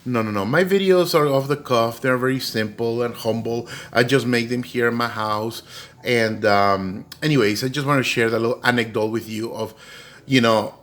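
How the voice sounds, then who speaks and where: A middle-aged man telling a childhood story at home for his vlog, rambling with many fillers and jumping into a high voice for quoted lines. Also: moderate pace, fairly bright tone. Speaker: doll collector vlogger.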